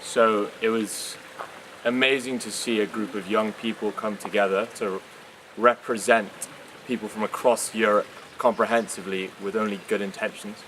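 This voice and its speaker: A man's voice: lowish voice, steady tone, moderate pace, a bit bright, slight background noise, poor audio. A twenty-year-old man from England, a medical student, speaking fluently and enthusiastically in an interview. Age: 20s. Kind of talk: outdoor interview answers.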